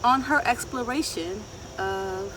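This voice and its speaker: Out in a wooded garden, a middle-aged woman reads a picture book to children, expressive and deliberate, frequently asking them questions. Her voice is a little high and comes over music. Captured with a distant mic outdoors, the recording carries insect sounds and outdoor ambience.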